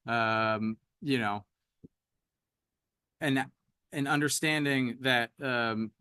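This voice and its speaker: A man's voice: medium pitch, bright, forceful tone, dry recording, clean studio sound. A man giving a presentation at a community workshop, speaking with frequent fillers and hesitations. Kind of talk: presentation talk. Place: meeting room.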